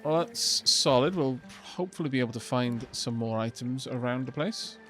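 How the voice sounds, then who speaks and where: A man's voice: medium pitch, normal speed, a bit bright, soft background music. A man who streams games, chatting casually as he comments on his play. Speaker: game streamer.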